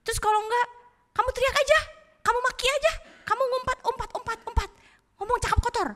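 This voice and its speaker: A woman's voice: very high-pitched, fairly even intonation, pitched above the performer's own voice. A woman playing a sly, coaxing devil. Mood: sly, egging on. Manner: wheedling, urging on in a loud quick voice. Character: cunning male devil, sly coaxing tempter. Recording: echoey church hall.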